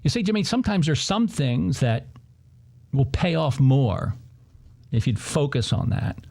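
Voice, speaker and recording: A man's voice: a little high, very animated, measured pace, creaky, darkish tone. A man hosting a political commentary show, talking in a heated, sarcastic way with mocking asides.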